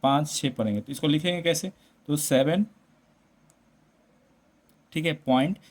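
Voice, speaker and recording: Fairly high-pitched and a little mellow, a man teaches a classroom-style maths lesson at a measured pace with lively intonation. He goes step by step, drops English number words into Hindi and keeps checking in with tag questions.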